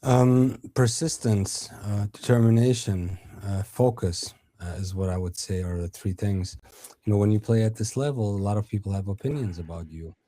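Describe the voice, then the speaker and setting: Deep, dark-voiced man, halting speech. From Iran. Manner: halting, many fillers and restarts. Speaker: dentist and conference founder. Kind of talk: podcast interview answers.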